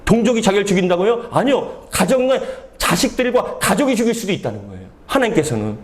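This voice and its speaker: A male pastor preaching a sermon, reading scripture slowly and acting out dialogue with God. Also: high-pitched, sing-song.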